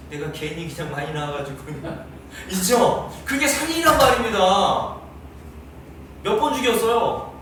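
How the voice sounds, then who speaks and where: A man preaching a sermon as pastor, lively and teasing his congregation with questions. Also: sits high, a little hiss or hum. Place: large church hall. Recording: very echoey hall, mic far off.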